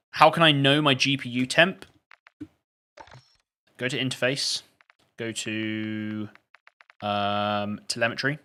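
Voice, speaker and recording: A man's voice: medium pitch, sharp tone. A man chatting casually on a live stream, reading out and answering viewer questions. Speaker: gaming streamer.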